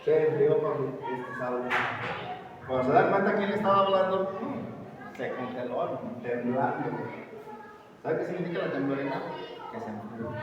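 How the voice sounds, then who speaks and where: A man preaching an emphatic sermon, questioning the congregation and calling them brother. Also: mid-range voice. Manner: emphatic, asks the congregation questions, repeats "hermano". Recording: echoey hall, distant mic, muffled and noisy.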